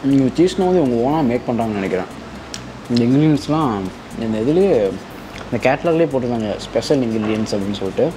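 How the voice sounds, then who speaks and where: Fast-talking man, chewing, noisy cafe. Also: mid-range voice, lively intonation. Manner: chatty, enthusiastic, addresses viewers directly. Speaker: food vlogger. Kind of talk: casual food review.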